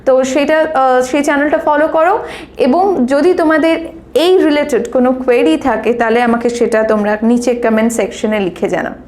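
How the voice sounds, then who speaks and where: High-voiced Bengali woman teaching English. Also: fairly even intonation, a little mellow. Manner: reads dialogue lines slowly and clearly, then explains in Bengali. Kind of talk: bilingual English lesson.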